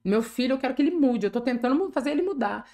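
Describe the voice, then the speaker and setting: A woman's voice: sits high, animated, racing, dark tone. A middle-aged Brazilian woman pastor with a Brazilian Portuguese accent, sharing a personal testimony in an earnest, conversational way and often ending sentences with a tag question.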